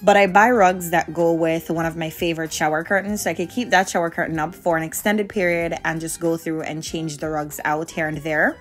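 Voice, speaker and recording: A woman's voice: low-pitched, steady tone, fairly quick, few pauses, soft background music. A woman in her late twenties from Jamaica, narrating a home cleaning vlog in a candid, conversational voice-over. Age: late 20s. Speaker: vlogger.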